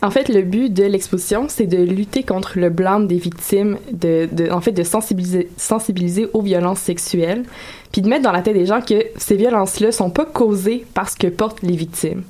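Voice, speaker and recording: A woman's voice: mid-range voice, moderate pace, warm tone. A woman with a Quebec French accent, a radio guest explaining a subject in casual chat with frequent hesitations. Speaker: guest columnist.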